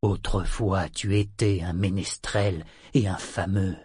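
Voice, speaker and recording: A man voicing a worn-out male sea serpent who talks low, slow and insistent. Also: steady tone, a little mellow, breathy edge, no room sound, studio quality, exaggerated voice. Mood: pleading. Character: exhausted male sea serpent, stubborn and pleading.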